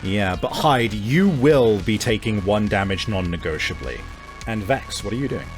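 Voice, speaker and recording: A man's voice: on the low side, expressive, normal speed, faint music behind. A man running a tabletop game as game master, talking casually with frequent swearing and fillers.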